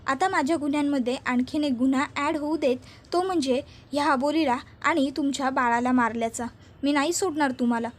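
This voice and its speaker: A woman's voice: sits high, a little fast, natural voice. A woman reading the lines of a vengeful woman who threatens to kill, in a plain recap voice. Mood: threatening. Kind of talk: read-aloud dialogue in a recap.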